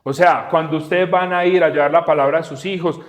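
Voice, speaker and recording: A man teaching the Bible in a relaxed, conversational way, asking his listeners questions and acting out little scenes. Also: a little high, a little fast. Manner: animated, asks the audience questions, acts out dialogue. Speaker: preacher and podcast host.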